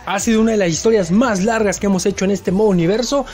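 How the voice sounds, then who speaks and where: A man doing excited play-by-play commentary on a wrestling video game, breaking into quick shouts at the big moves. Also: sits high.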